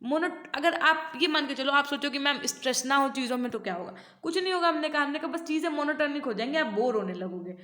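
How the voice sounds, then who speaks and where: High-voiced Indian woman teaching in an echoey room. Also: lively intonation, pushed and bright. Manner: explains in Hindi, reads English text slowly aloud. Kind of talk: online lecture.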